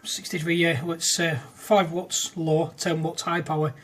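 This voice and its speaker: This is an amateur radio operator filming a demo video indoors at a front-room desk. His voice is on the high side with little pitch movement, at normal speed, and there's background noise as he chats in a friendly, jargon-heavy way, trading call signs.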